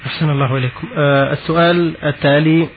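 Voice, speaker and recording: A man's voice: a little high, fairly even intonation, very fast, slight background noise. Formal Standard Arabic radio host, male, tinny sound. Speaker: radio host reading listeners' questions. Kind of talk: formal religious radio question programme. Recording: tinny band-limited old radio recording.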